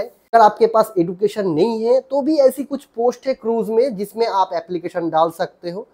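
A man's voice: high-pitched, a little mellow. A man hosting a channel, giving casual job advice straight to the viewer, repeating points and checking in with the listener. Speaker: channel host, job guidance. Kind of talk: casual direct-to-camera advice.

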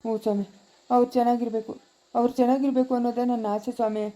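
A weary, pious old village grandfather, voiced by a woman, speaks in a plain, deferential way. The voice sits somewhat high, and the delivery is pleading and unhurried, as in a home-made family drama. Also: level tone, mellow, natural voice, low-quality recording. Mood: humble.

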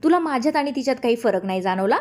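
A woman's voice: on the high side, expressive, racing, lightly acted. A woman voicing a fond, scolding middle-aged mother in an audio story. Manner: scolding, affectionate.

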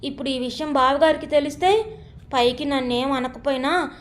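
A woman doing a feisty, sharp-tongued young woman. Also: sits high, lightly acted. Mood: sheepish. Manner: quarrelsome, quick retorts.

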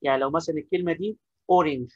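Fast-talking Egyptian teacher, husky voice. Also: male voice, a little high, no echo, dull audio. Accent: Egyptian Arabic. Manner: repeats key points, asks and answers questions himself. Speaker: English teacher. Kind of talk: classroom-style lesson explaining grammar.

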